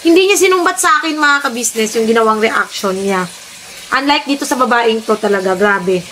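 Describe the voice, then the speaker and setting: A woman's voice: on the high side, expressive, moderate pace, pushed and bright, a little hiss or hum. A woman vlogger ranting indignantly to her viewers in heated commentary, often asking her audience to agree with her. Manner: ranting, indignant, repeatedly asks "di ba?".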